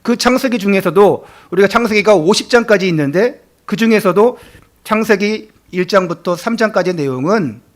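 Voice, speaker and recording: A male pastor preaching a Sunday sermon, earnest, asking the congregation rhetorical questions. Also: sits high.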